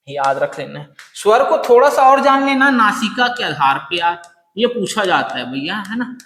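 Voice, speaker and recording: Man, teacher, high voice, asks and answers himself, echoey classroom. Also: fairly bright tone. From Chhattisgarh, India. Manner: repeats key terms, asks and answers own questions, stretches words to demonstrate. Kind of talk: classroom grammar lesson. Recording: echoey room with long reverb.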